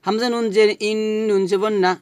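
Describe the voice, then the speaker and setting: Man teaching recitation syllable by syllable; high, clear voice, dry close sound. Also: flat delivery, a little mellow, no echo. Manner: spells syllables slowly, then recites drawn-out Arabic. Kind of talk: spelling out Arabic recitation lesson.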